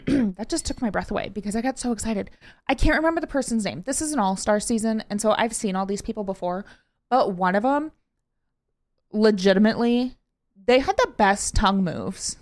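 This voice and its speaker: A woman co-hosting a podcast, telling stories in a rambling, excitable way and jumping between tangents. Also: mid-range voice, fairly quick. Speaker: podcast co-host. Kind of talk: casual chat.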